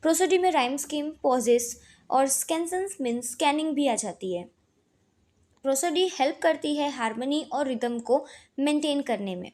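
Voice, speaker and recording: A woman teaching literature, reading English definitions slowly and then explaining them in Hindi. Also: sits high, lively intonation, darkish tone. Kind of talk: lecture explaining literary terms.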